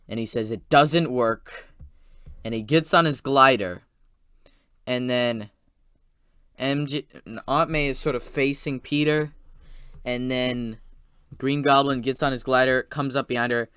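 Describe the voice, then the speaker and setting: Bright, crisp man recapping a movie. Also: mid-range voice, dry recording, studio quality. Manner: rambling, excited retelling full of "like" and restarts. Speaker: movie reviewer. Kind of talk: casual spoiler recap.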